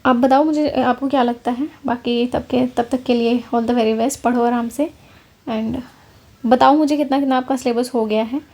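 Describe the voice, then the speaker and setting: A woman's voice: fairly high pitch, fairly even intonation, moderate pace, darkish tone. A woman from Haryana teaching an online exam-prep class in a conversational way, checking in often with her listeners. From Haryana, India. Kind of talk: casual lecture over slides.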